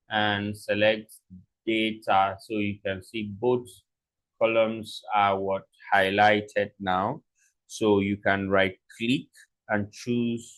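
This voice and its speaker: A man giving a step-by-step software tutorial, dictating what to type piece by piece and often checking in with short tags. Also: fairly low pitch, poor audio. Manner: dictating code symbol by symbol; frequent check-in tags like okay and right. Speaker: software instructor.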